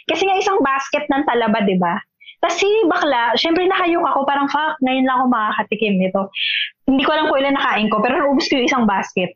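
A young woman from the Philippines, a podcast co-host telling an animated story in casual chat. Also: high-pitched, quick pace, no room sound, highs cut off. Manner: animated storytelling, switches between Filipino and English.

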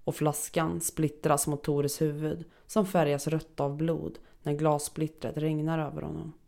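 A woman narrating a first-person horror story in a steady, dark storytelling manner. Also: deep voice, creaky.

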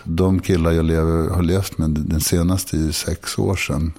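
A man in his sixties talking frankly and confessionally, halting often and restarting his sentences. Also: low-pitched, little pitch movement, mellow. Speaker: guest. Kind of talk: candid personal conversation.

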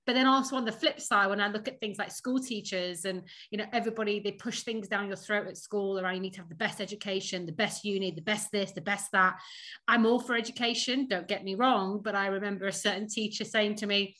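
A woman from Sheffield, England, with a Northern English accent speaks in a mid-range voice that is brisk and sharp, with fairly even intonation. She's a company founder appearing as a podcast guest, chatting casually in an interview, laughing often and using lots of fillers.

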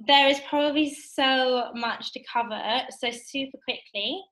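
The audio is poor and her voice is high-pitched. She's in her twenties, an assistant buyer describing her job as a guest in a laid-back interview, speaking brightly and fast with plenty of "like" and "kind of".

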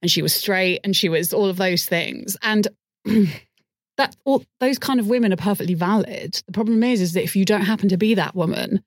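A woman's voice: mid-range voice, a little fast, no room sound. Chatty woman, dry studio sound. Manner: animated, self-deprecating, many restarts. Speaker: podcast guest. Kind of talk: casual chat.

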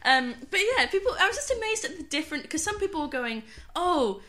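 A woman co-hosting a casual podcast, giggly and animated with quick asides. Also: high voice. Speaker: podcast co-host. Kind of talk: casual chat.

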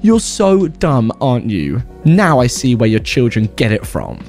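Man doing a shrill, whiny, spiteful neighbor lady; high and swooping. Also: wildly swooping pitch, a little slow, darkish tone, soft background music. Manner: screeching, insulting, whiny. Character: shrill nasty middle-aged woman neighbor.

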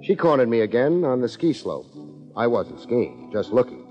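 A man's voice: mid-range voice, sing-song, moderate pace. A man narrating and acting as a hard-boiled detective in an old radio mystery, in a terse, clipped manner. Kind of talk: 1950s radio drama narration. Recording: dull old radio broadcast with music.

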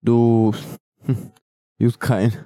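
A man with roots in southern Italy chats casually on a podcast, trading cheeky jokes. His voice sits at a middle pitch. The recording is close and dry. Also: completely flat delivery, drawn-out words, dark tone, no echo. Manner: joking, cheeky banter. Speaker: podcast co-host.

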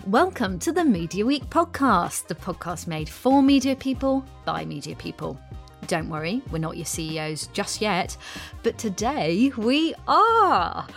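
A woman's voice: lowish voice, very animated, moderate pace, gravelly, faint music behind. A woman hosting a podcast in a casual, bubbly way, introducing her co-hosts. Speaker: podcast host.

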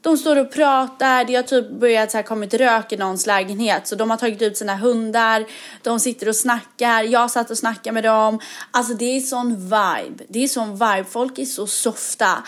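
A young woman, co-hosting a podcast in a lively, chatty way and mixing English words into her speech. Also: a little high. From Sweden. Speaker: podcast co-host. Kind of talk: casual chat.

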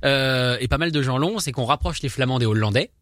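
A man's voice: medium pitch, a little fast, a bit bright, no echo, clean studio sound. A man from France with a French accent hosts a casual radio interview in a teasing, self-mocking and rambling way. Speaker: radio host.

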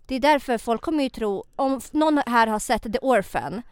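A 23-year-old woman chatting as a podcast co-host, a lively storyteller quick with a joke. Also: a little high, clean tone, no echo, clean studio sound. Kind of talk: casual chat.

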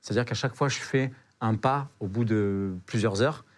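A man's voice: lowish voice, moderate pace. A young man, a podcast guest, telling an adventure story in a casual, slangy way, with lots of hesitations and repeated words.

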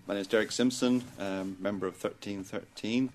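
A man's voice: on the low side, fairly even intonation, normal speed, a little mellow, a little hiss or hum. A man with a Dublin accent giving blunt, plain-spoken interview answers. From Ireland.

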